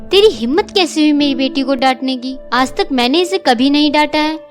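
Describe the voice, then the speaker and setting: A harsh stepmother from a cartoon story, as a woman narrator puts her on. She scolds sharply in a high voice. Faint music plays behind her. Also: a little fast, natural voice. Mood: angry, scolding.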